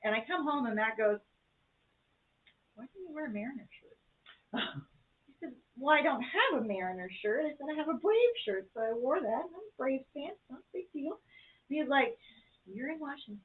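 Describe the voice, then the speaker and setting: A woman from the southern United States co-hosting a casual chat, telling family stories in a lively way and laughing often. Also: high voice, a little fast. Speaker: co-host. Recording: tinny phone-like sound.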